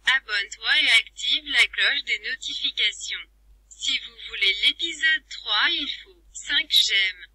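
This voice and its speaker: A synthetic text-to-speech woman voice playing a cheeky translator app that taunts the viewers in a flat, computerized delivery. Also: on the high side, measured pace, no room sound, heavily acted, rough recording. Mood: mocking. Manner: teasing, insults viewers as losers. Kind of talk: computer-voiced vlog bit.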